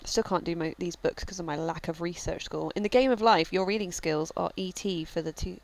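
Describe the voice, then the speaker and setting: This is a rough recording of a woman doing casual let's-play commentary, rambling and chatty with lots of filler words and asides. She has a lowish voice with vocal fry and speaks at a brisk pace.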